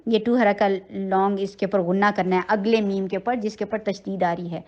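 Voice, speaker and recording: A woman teaching Quran recitation, slowly drawing out the verses between patient, encouraging explanations. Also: mid-range voice, fairly even intonation, muffled recording. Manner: slow drawn-out recitation between patient spoken instructions; gentle, encouraging. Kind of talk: tajweed lesson, recitation with explanation.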